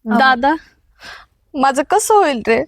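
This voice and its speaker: A woman's voice: sits high, expressive, slow pace, no echo, clean studio sound, heavily acted. A young actress playing a young bride who resists her arranged wedding and speaks in a pleading, reproachful way.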